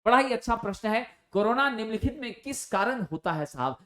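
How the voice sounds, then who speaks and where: A man teaching an exam-prep lecture, energetic and full of rhetorical questions aimed at his students. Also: high voice, a little fast. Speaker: coaching teacher. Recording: echoey room.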